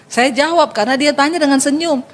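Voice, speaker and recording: Lady pastor giving a sermon, fairly high voice, jokey stories, talks right to the congregation. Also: brisk, long reverb tail. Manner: humorous storytelling, acts out dialogue; addresses congregation directly.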